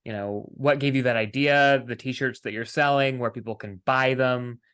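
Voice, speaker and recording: A man's voice: mid-range voice, fairly even intonation, normal speed, a bit bright, clean tone. A man hosting a casual interview podcast, laughing often and talking in a slightly rambling way with restarts. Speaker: podcast host.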